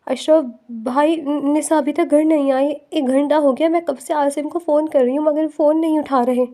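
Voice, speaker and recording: A woman's voice: high voice, fairly even intonation, warm tone, lightly acted. A woman reading as a weeping worried mother. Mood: tearful. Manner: tearful.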